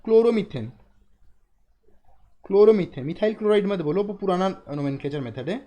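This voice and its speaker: A man's voice: high voice, lively intonation, a little fast, warm tone. Man teaching chemistry in a live online class. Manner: explains step by step, repeats key terms, asks students questions.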